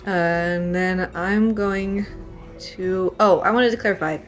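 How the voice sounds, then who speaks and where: A woman's voice: on the low side, steady tone, slow pace, soft background music. A woman player in a tabletop game, talking through her moves with hesitant fillers. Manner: hesitant, thinks aloud.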